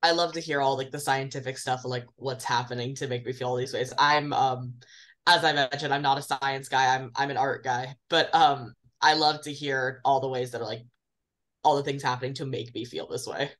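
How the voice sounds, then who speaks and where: Low-voiced young woman, casual and animated. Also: moderate pace. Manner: casual, animated, many "like" fillers. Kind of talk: podcast panel discussion.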